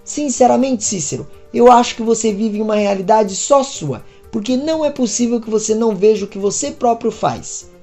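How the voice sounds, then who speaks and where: A woman's voice: a little high, expressive, moderate pace, hardly any pauses, warm tone, faint music behind. A woman voicing an upset young married woman who speaks anxiously and pleadingly. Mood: distressed.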